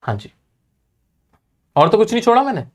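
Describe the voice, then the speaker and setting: A man's voice: high voice, huge pitch swings, moderate pace. A man teaching an exam-prep class, repeating key points and quizzing his students.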